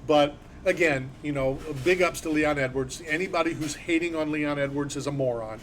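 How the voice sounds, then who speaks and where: Rambling and emphatic, a sports radio host born in Philadelphia airs his strong opinions on his talk show. He speaks at a moderate pace with a fairly high pitch, over slight background noise.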